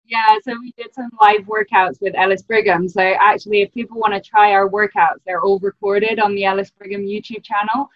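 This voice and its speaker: A woman's voice: mid-range voice, steady tone, fairly quick, hardly any pauses, no echo. A young British woman in her twenties, a ski coach, chatting casually on a video call with lots of fillers. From Britain. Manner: chatty, many "um" and "like" fillers, laughs often. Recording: dull lo-fi video call audio.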